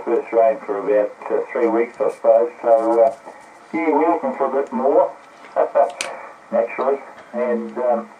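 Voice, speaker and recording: Kiwi guy on a ham radio call, laid back, lots of ums, thin tinny static-y shortwave sound. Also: mid-range voice. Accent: New Zealand. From New Zealand. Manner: easygoing, halting, many fillers. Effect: heard over a shortwave radio receiver. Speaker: amateur radio operator. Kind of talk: casual ham radio contact.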